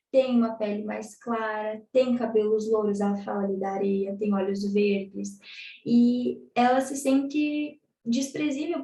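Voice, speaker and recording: A young Brazilian woman reading poems aloud and explaining them in a relaxed study style. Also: a little high, gravelly, far from the mic. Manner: reads verse slowly, then explains in casual chat. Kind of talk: poetry reading with study commentary. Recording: roomy echo, voice a bit off mic.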